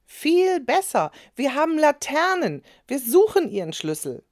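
A woman's voice: high-pitched, very animated, darkish tone, no room sound, clean studio sound, voice pushed up, heavily acted. A woman voicing a bossy, practical young girl, in a children's storybook reading. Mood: brisk. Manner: brisk, a bit impatient.

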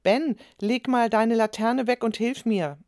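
Female reader as brisk little girl, high, a bit impatient. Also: very animated, darkish tone, no echo, clean studio sound, full character voice. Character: young girl, bossy and practical. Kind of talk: storybook reading.

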